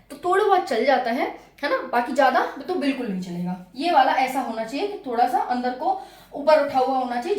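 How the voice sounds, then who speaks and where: A woman's voice: sits high, roomy sound. A woman coaching exam candidates in a casual, chatty way, repeating her points and speaking to viewers as friends. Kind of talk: casual classroom-style explainer.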